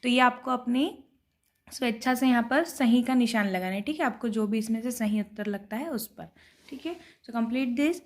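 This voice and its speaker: A woman's voice: on the high side, normal speed. A woman teacher taking young pupils through a story and its exercises, repeating each question and answer and often checking in with them. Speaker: primary school teacher. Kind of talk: recorded class lesson.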